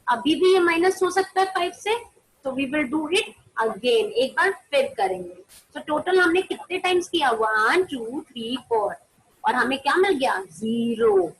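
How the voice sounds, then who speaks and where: High-voiced teacher woman, online maths class. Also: fairly bright tone, poor audio. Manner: mixes Hindi and English, asks pupils questions and answers them herself; calls pupils by name to turn on their cameras. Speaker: primary school maths teacher. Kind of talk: online class on a video call.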